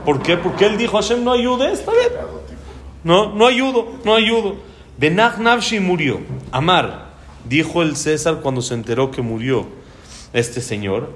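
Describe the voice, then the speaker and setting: A man teaching a Talmud lesson, telling the story in a lively way and often pausing on fillers. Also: medium pitch, slight background noise. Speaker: Torah teacher.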